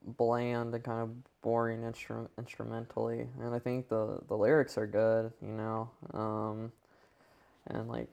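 A man with a gravelly, fry-edged voice co-hosts a podcast. He talks in a relaxed, hesitant way and pauses on fillers as he gives his opinion. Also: medium pitch. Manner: laid-back, hesitant, many fillers. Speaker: podcast co-host. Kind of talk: casual music review chat.

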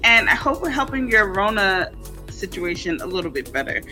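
A woman hosting a casual after-hours chat show in a playful, unfiltered way, often quick to laugh. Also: medium pitch, sing-song, pushed and bright, soft background music. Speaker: talk show host.

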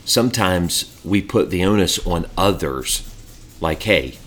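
A man co-hosting a ministry podcast in casual chat, conversational and quick to murmur agreement. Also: sits low, expressive, a bit bright. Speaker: podcast co-host.

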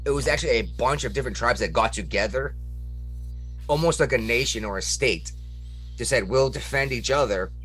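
A man's voice: mid-range voice, a little fast, fairly bright tone, breathy edge, faint music behind. A man in a casual podcast chat, talkative and rambling, pushing provocative points.

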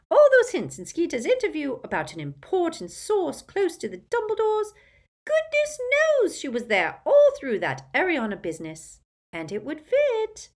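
A woman's voice: high voice, wildly swooping pitch, a little slow, pitched above the performer's own voice, heavily acted. A woman voicing a tactless, gossiping old great-aunt who is a little tipsy, with a blunt, testy manner. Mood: gossipy.

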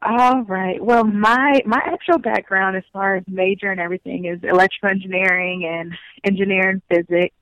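A woman guest speaking over the phone in a podcast interview, explaining her background in a measured, step-by-step way. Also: medium pitch, fairly even intonation, a bit bright, no echo, highs cut off. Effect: heard over the phone.

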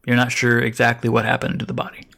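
A man's voice: mid-range voice, monotone, quick pace, creaky, fairly bright tone. A man running a tabletop role-playing game as game master, talking casually with many hesitations.

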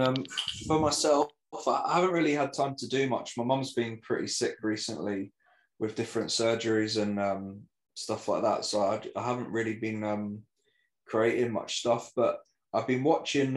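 A man in his forties co-hosting a podcast, talking haltingly with many fillers. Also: medium pitch, steady tone, reverberant, rough recording. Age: 40s. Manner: halting, full of fillers and restarts. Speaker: podcast co-host. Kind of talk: casual podcast chat.

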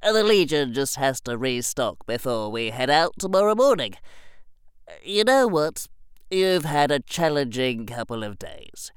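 Male performer as a friendly, rambling gnome engineer with a lively, smooth voice. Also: mid-range voice, a little slow, no room sound. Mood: casual. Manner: rambling, filler-heavy, friendly. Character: chatty little gnome engineer.

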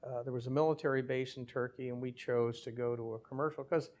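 An older man, a former airline captain, telling his story in an interview at a measured pace with small hesitations. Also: medium pitch, fairly even intonation, a little mellow. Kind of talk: conversational storytelling.

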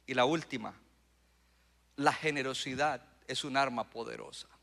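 A male pastor preaching a sermon, surging into loud emphatic bursts and calling out to the congregation. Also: mid-range voice, normal speed, creaky. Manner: preaching with rising bursts of emphasis and audience call-outs. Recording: long hall reverb.

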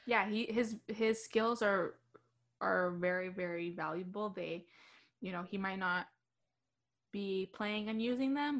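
A young woman co-hosting a hockey radio show, chatting casually with many fillers and quick laughs. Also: mid-range voice, vocal fry, a bit bright. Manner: chatty, giggly, with fillers and restarts. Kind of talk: casual sports chat.

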